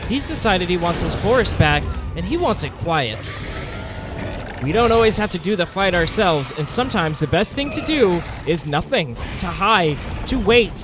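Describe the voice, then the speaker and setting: A man narrates a video game monster hunt as a dramatic story, his very animated, high-pitched voice moving at normal speed over the gameplay. Music plays behind him, his phrasing builds suspense, and there is background noise.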